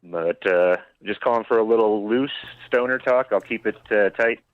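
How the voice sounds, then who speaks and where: A man's voice: fairly low pitch, normal speed, phone-quality sound. Laid-back man calling in by phone. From Denver area, USA. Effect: over the phone. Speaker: caller. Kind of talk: casual call-in chat.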